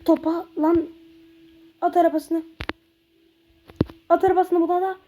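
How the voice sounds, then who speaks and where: A high, dark-toned woman commentating her own football video game session. She shouts at her players, groans when a pass fails and stretches her goal calls out long. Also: little pitch movement, a little slow, slight background noise. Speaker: gameplay streamer.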